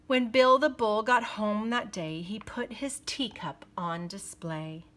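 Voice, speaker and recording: Speaking at a medium pitch, a woman reads aloud from a children's picture book. She tells the story in a deliberate, expressive way.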